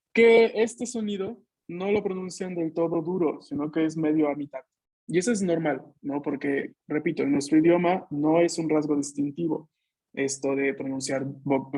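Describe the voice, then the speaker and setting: A man teaching a Japanese class online over a video call. He explains patiently, models sounds slowly for his students to repeat, and often ends phrases with tag questions. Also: fairly high pitch, darkish tone.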